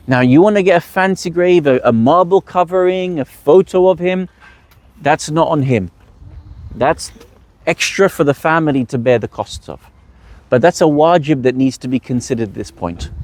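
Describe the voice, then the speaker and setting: Man teaching a workshop, slightly high voice. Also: a little mellow, no room sound. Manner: asks the audience rhetorical questions, then answers them. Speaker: religious teacher leading a workshop. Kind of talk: explanatory teaching talk.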